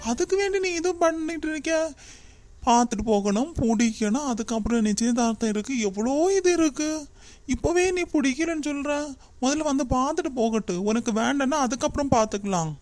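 A woman's voice: high-pitched, lively intonation, fairly quick, no room sound, faint music behind. Woman voicing a coaxing young relative, dry sound. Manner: coaxing, gently firm. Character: kindly young female relative comforting bride.

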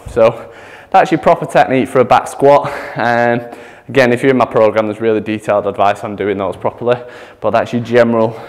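A man, out of breath, demonstrating gym exercises as a chatty fitness coach who laughs at himself. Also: lowish voice. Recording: echoey gym with long reverb.

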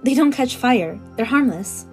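A woman voicing a patient, reassuring companion in an animated cartoon. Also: a little high, a little slow, soft background music, low-quality recording.

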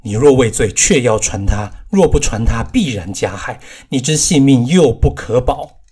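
A man's voice: mid-range voice, animated, moderate pace, a little mellow, slightly rough. A man voicing a stern, commanding old male Taoist master in an audiobook, scolding his disciples.

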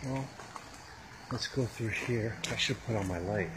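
Man, slow-paced vlogger, out of breath, hiking outdoors, faint background noise. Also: fairly low pitch. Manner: chatty, talking to viewers while hiking. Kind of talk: outdoor exploring vlog. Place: outdoors on a rough trail. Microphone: handheld camera mic.

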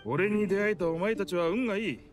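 A man's voice: high-pitched, very fast, faint music behind, close to an everyday voice. A man voicing a hearty, boastful male sea creature in a video game who offers to ferry the heroes. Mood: jovial. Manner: boastful, jovial.

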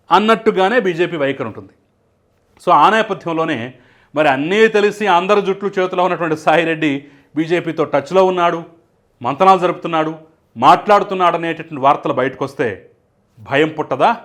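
High-voiced man giving emphatic political commentary. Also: fairly bright tone. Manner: emphatic, rhetorical questions.

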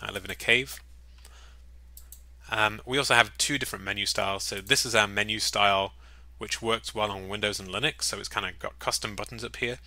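A man giving a casual, upbeat screen-recorded software tutorial, with chatty, jokey asides. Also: fairly low pitch, steady tone, a little fast, no echo. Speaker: software walkthrough presenter.

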